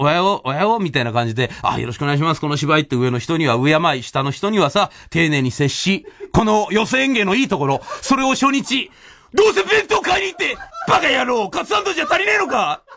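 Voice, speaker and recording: A man's voice: on the high side, a bit bright. A man in his forties, a storyteller hosting a listener show, ranting with laughing mock indignation in casual chat. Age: 40s.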